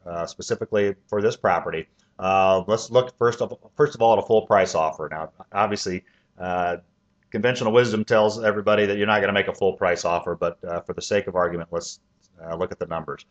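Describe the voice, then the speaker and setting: Deep-voiced man pitching a home loan plan. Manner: steady step-by-step explaining with frequent "uh" and "um" fillers. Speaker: mortgage loan officer. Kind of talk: sales pitch explaining a financing plan. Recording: dull lo-fi recording.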